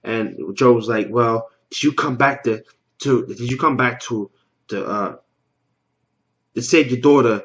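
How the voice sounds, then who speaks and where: Male vlogger, mid pitch, loose slangy rambler who stumbles and repeats; muffled lo-fi home mic. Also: unhurried, pauses often, a bit bright. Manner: loose and slangy, swears casually. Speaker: TV episode reaction vlogger. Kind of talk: casual spoken episode recap.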